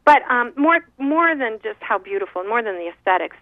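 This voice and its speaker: A woman's voice: a little high, moderate pace, no room sound. Woman telling a story over a tinny phone line. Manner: animated, giggly, restarts a lot. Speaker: guest speaker. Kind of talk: casual storytelling on a radio talk show. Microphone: phone call.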